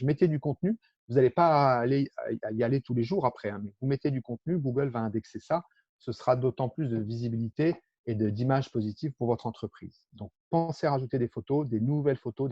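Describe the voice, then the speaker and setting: Man presenting a workshop, dark and husky. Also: mid-range voice, brisk, dry recording, highs cut off. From France. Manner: explanatory, hesitant with many fillers. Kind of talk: online workshop with screen share.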